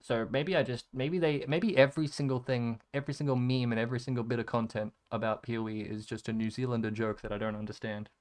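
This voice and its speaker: A young man with a smooth, clear voice rambles through a story in casual chat. He is sarcastic and swears freely, and his pitch sits in the middle range. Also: steady tone, fast talker, hardly any pauses, a little mellow. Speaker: content creator. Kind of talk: casual storytelling over photos.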